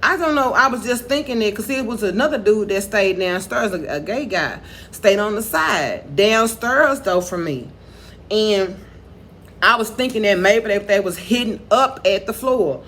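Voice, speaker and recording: A woman vlogging in a loose, rambling monologue. She repeats herself, restarts her sentences and keeps saying "you know." Her voice sits at a middling pitch. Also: animated, normal speed, fairly bright tone, a little hiss or hum. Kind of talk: casual monologue to camera.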